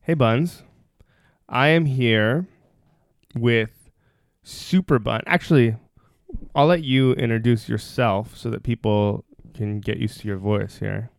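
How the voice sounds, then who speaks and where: A man from Toronto hosting a casual podcast chat, relaxed and rambling with fillers. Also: medium pitch, slow, vocal fry, no room sound, studio quality. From Toronto, Canada. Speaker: podcast host.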